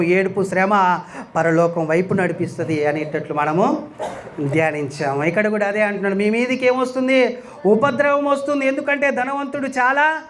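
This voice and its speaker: A male preacher delivers a sermon with a notably high-pitched voice. He speaks emphatically, asks rhetorical questions and repeats scripture lines after they are read. A faint hiss sits under the recording.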